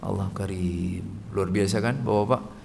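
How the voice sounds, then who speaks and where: Male preacher, casual tafsir talk, playful and animated, acts out dialogues, long reverb of a mosque hall, faint ambience. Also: deep voice, moderate pace, creaky, slight background noise. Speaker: ustadz giving Quran tafsir lesson. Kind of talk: casual sermon to fathers.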